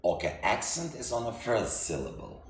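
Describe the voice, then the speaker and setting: A man who is not a native English speaker teaches a language lesson in halting English, repeating himself with many fillers. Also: fairly low pitch, wildly swooping pitch, creaky. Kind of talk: slow spoken language lesson. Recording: echoey room with faint noise.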